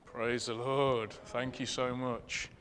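A man's voice: mid-range voice, little pitch movement, slow pace, a bit bright, a little hiss or hum. A man with a Leicester accent speaking as a pastor, preaching and leading a church congregation. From Leicester, England. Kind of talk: sermon, addressing a congregation with prayer and asides. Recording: echoey hall with long reverb.

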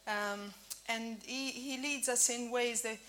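This Italian-born woman in her fifties, a native speaker whose accent mixes Italian with a touch of Scottish, gives a casual sermon at a church breakfast filled with fillers and restarts. She takes her time, her slightly high voice pushed and bright with fairly even intonation, and faint background noise can be heard.

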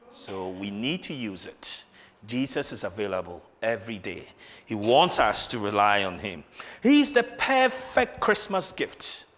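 A man preaching in a church hall, his bright, forceful voice carrying with a long reverb around it. He hammers key words by repeating them and slows right down when reading scripture aloud. The delivery is a sermon, earnest and emphatic. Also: fairly low pitch. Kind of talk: Christmas sermon.

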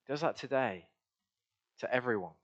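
A man's voice: mid-range voice, expressive, moderate pace, a bit bright, dull audio. A man preaching a conversational, earnest sermon to his church. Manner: earnest, conversational, with many restarts. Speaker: pastor.

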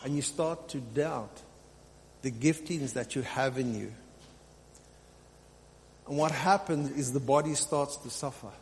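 With a mid-range voice, a man preaches at a measured pace, letting long pauses hang. He teaches his congregation without a script, exhorting them and repeating lines to drive points home. Large-room reverb and a faint hum and noise color the live recording.

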